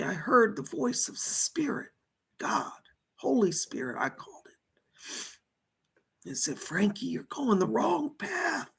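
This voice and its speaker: A woman acting as a seance medium in trance channels a dead male mobster, remorseful and frightened, in a husky, halting, anguished voice that slips into whispers. Her voice is medium-pitched, a bit bright, exaggerated, breathy and creaky as she delivers his dramatic first-person confession.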